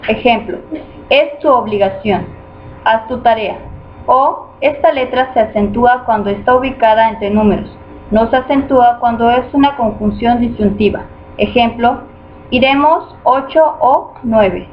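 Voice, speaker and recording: Woman reading a grammar lesson, muffled. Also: a little high. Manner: steady, measured reading of rules and examples. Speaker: student presenter. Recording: muffled lo-fi recording with faint noise.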